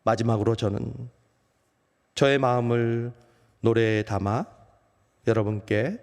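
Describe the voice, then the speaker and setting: A preacher voicing a remorseful Peter. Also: male voice, takes it slowly. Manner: emotional, swings from loud outbursts to hushed low phrases. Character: apostle Peter, remorseful grown man, ashamed. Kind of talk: first-person dramatic monologue in a dawn service. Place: church sanctuary. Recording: long church hall reverb.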